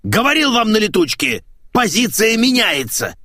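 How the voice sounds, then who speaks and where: A man voicing a furious middle-aged chief editor who yells and shrieks at his staff in an audiobook. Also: high voice, very animated, normal speed, dry recording, studio quality, voice pushed up, heavily acted. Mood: threatening. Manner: shrieking, yelling.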